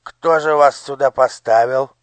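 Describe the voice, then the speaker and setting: A querulous old palace ceremony master with a high, quavering voice that goes shrill and loud when he barks orders, as a man reads him in an audiobook. He blusters and fusses, and the voice is dry and close. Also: fairly even intonation, a little slow, no room sound, natural voice. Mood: blustering. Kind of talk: audiobook character voice.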